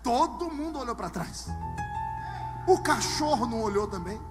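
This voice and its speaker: A man preaching a sermon to a live congregation, telling humorous stories and swinging from hushed asides to shouted lines. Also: very high voice, animated, normal speed. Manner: humorous storytelling. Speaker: pastor. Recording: long hall reverb with music underneath.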